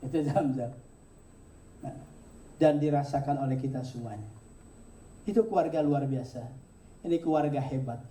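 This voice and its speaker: A man's voice: medium pitch, normal speed, long pauses. A man preaching to an audience, telling stories and acting out the voices of the people in them. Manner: animated, acts out voices in his stories. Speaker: preacher teaching pilgrimage rites. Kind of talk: sermon with storytelling. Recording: echoey hall, speaker far from mic.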